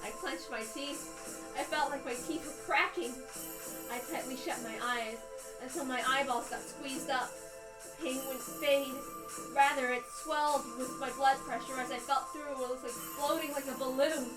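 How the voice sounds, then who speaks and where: With fairly even intonation, a very high-voiced woman on a stream reads a visual novel dramatically in the first person, tense and deliberate. The mic sits far from her in a roomy space, and clear music runs beneath her voice.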